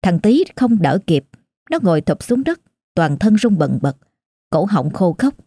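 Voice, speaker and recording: A woman storyteller reading a horror story aloud in a slow, suspenseful way. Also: on the low side, big pitch swings, dark tone, no echo, clean studio sound. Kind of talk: scripted horror story narration.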